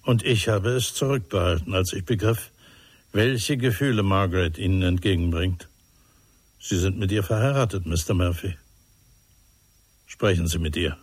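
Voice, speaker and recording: A formal serious radio drama messenger, real deep voice, dry close sound. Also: male voice, slightly rough, dry recording. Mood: earnest. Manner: measured, formal, earnest. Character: composed formal man delivering serious news.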